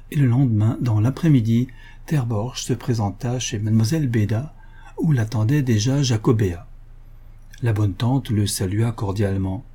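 Husky-voiced male storyteller. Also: mid-range voice. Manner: measured, expressive. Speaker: narrator. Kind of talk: reading a classic short story aloud.

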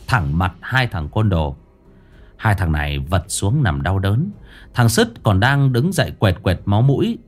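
A man narrating a story in a lively, expressive storytelling manner. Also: fairly low pitch.

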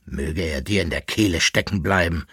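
A man's voice: on the low side, sing-song, a little slow, breathy edge, no echo, studio quality, exaggerated voice. A man voicing a timid, grumpy old fiddler and jester who scolds his friend and is easily frightened, in an audiobook. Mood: scolding. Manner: scolding and fearful.

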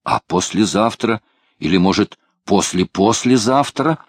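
A man's voice: fairly low pitch, animated, unhurried, breathy edge, no room sound, studio quality, pitched above the performer's own voice. A man reading an anxious, hopeful male prisoner who asks urgent questions.

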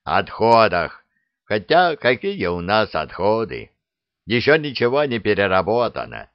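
Storybook dragon, old, huffy and grumbling, read by a man, slow and lecturing. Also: fairly low pitch, sing-song, no echo. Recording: dull dry recording.

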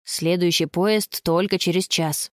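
A woman's voice: lowish voice, fairly even intonation, unhurried, darkish tone, no room sound, studio quality, close to an everyday voice. A woman voicing a practical, matter-of-fact young girl in a storybook reading.

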